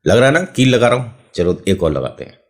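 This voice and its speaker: A man with a mid-range voice, big pitch swings, and a quick pace hosts a horror story session. He keeps it casual and chatty, frequently stopping to joke with listeners and wander off on playful digressions.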